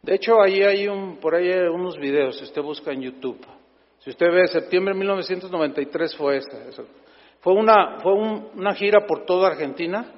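High-voiced Mexican pastor preaching. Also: male voice. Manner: emphatic, humorous preaching that keeps addressing the congregation. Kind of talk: sermon. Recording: echoey dull hall sound.

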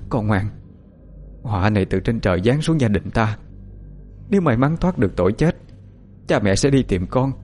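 Resolute noble wife and mom, read by a guy, firm and teary, lowish voice, soft music. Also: lively intonation, normal speed, pauses often, lightly acted. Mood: tender.

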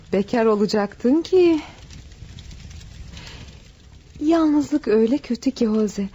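Manuela, a husky coy temptress. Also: female voice, high voice, warm tone. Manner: coy, teasing, manipulative. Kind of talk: 1970s-style radio drama acting.

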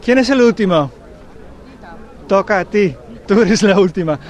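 Reporting from the field, a man with a high-sitting, animated voice speaks a little slowly. He mingles with crowds on an outdoor town street, chatting and firing off short, direct questions for a news report built on street interviews.

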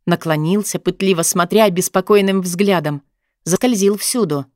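A woman narrating a first-person story as an audiobook, with a sharp, sarcastic edge. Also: lowish voice, normal speed, dry recording, clean studio sound.

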